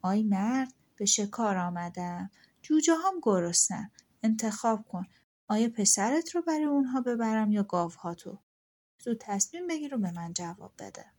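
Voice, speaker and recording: A woman's voice: medium pitch, lively intonation, a little mellow. A woman voicing a fierce giant talking bird. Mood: commanding. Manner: commanding, curt demands.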